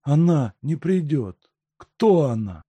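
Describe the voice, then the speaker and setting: A haunted, delirious patient, as a male reader puts him on, dragging out slow, broken words in a strained, raised voice. It is a storybook reading, recorded dry and close. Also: fairly high pitch, sing-song, dark tone, husky, no room sound, pitched above the performer's own voice, exaggerated voice. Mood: dazed. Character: delirious madman, haunted sick husband.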